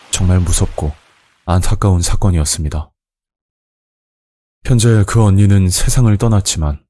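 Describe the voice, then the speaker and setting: A man's voice: sits low, warm tone, no echo. A man narrating a scripted first-person horror story.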